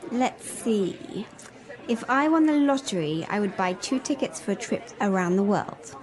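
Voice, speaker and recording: A woman's voice: medium pitch, expressive, a little slow, a little mellow, a faint crowd, close to an everyday voice. A woman playing a chatty teenage schoolgirl in a scripted practice dialogue.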